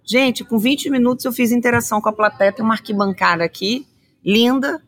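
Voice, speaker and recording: A Brazilian woman who trains people in communication, speaking as a guest in a conversational interview. Her delivery is direct and energetic, like an instructor turning to the audience. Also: a little high, brisk. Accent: Brazilian Portuguese.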